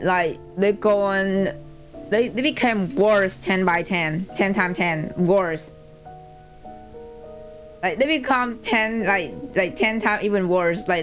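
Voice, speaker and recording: A woman streamer playing a game live, reading the story aloud haltingly and reacting casually with swearing. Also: medium pitch. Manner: casual, profane, reads haltingly with restarts.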